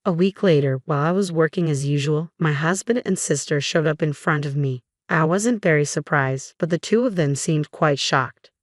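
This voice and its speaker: A woman narrating a first-person revenge story in a measured, scripted way. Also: sits low, no room sound, clean studio sound.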